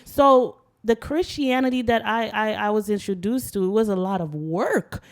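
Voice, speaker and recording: A woman from Haiti, talking casually on a podcast and pausing often with ums. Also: medium pitch. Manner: hesitant, many ums.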